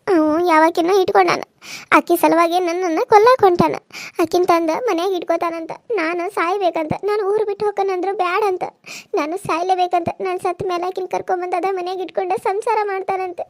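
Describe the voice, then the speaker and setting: A woman's voice: extremely high pitch, fairly even intonation, fast, darkish tone. A woman voicing a wronged young village wife in a cartoon serial, with a North Karnataka Kannada accent, pleading and tearful. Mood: aggrieved.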